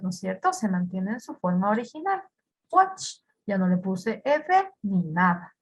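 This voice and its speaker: Ecuadorian woman teacher going over english verbs, kinda high husky voice, patient, asks lots of questions. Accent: Ecuadorian Spanish. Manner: patient, repeats words and asks students questions. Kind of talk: online class explaining grammar.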